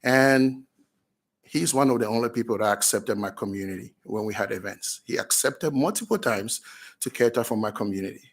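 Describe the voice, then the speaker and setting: A man with a fairly low voice gives earnest testimony at a public hearing. He is a French speaker by birth who often stops and restarts his sentences. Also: normal speed. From Cameroon. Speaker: public testifier, business owner.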